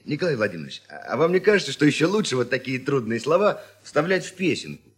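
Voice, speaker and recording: A man's voice: medium pitch, sing-song, fast, slightly rough, faint music behind. An actor playing a sly adult pupil who teases his teacher in a scripted radio comedy. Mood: teasing.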